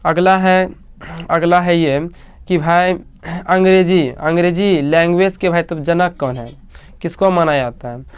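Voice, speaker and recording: Man, Indian accent, teacher, asks and answers himself, crisp clear voice, dry close sound. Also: a little high, no echo. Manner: asks and answers his own questions, repeating key facts. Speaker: English teacher. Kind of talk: spoken classroom lesson.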